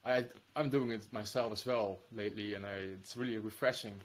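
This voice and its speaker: A man hosting a casual interview, talking in a friendly, halting way with many fillers. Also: lowish voice, fairly even intonation. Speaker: show host.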